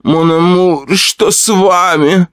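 A man voicing a fussy, flirtatious middle-aged noblewoman in a horror audiobook, with a playful, excitable manner. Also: sits high, normal speed, no room sound, clean studio sound, pitched above the performer's own voice.

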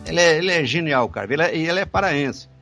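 A man's voice: a little high, lively intonation, fast talker, vocal fry, pushed and bright, soft background music. A man, a voice actor, telling stories in casual chat with lots of laughter and stammered repeats. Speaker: voice actor guest.

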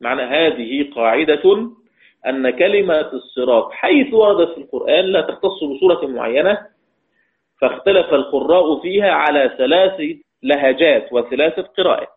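A man's voice: fairly high pitch, animated, normal speed. A man teaching a religious lesson on Quran recitation rules, explaining step by step and asking his students questions. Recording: tinny phone-like audio.

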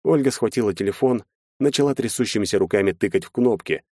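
A man reading a first-person audiobook in steady, measured storytelling on a close mic. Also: fairly low pitch, no room sound. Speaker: audiobook narrator.

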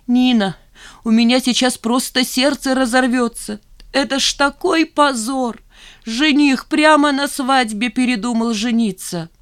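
A woman's voice: high-pitched, measured pace, smooth, voice pushed up. A woman doing a tearful fretting older mother. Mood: distraught. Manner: pleading, sobbing, fussy.

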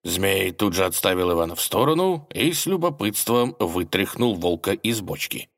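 A man narrating a fairy tale in a playful, expressive reading style. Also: deep voice, normal speed, vocal fry. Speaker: storyteller.

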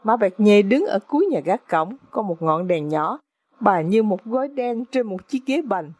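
A woman's voice: mid-range voice, animated, moderate pace, darkish tone, dry recording. A woman narrating an audiobook in a dramatic, suspenseful storytelling manner.

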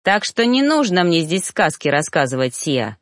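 A woman voicing a proud male reaper who gives curt, harsh orders in a lowered voice. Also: big pitch swings, normal speed, no echo, clean studio sound. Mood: cold harsh.

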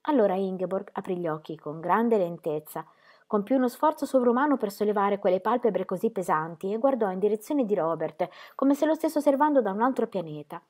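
A woman reading a novel aloud in a measured, expressive way. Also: medium pitch. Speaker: audiobook reader.

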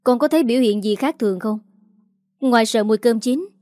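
Woman voicing an anxious, sharp-tongued mother, higher-pitched, for an audio drama. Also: fairly quick, dry recording, clean studio sound, close to an everyday voice. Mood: urgent questioning. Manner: scolding, shrill when upset.

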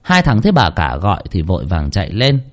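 A man's voice: low voice, wildly swooping pitch, brisk. Man narrating a ghost story dramatically. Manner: dramatic, swooping delivery.

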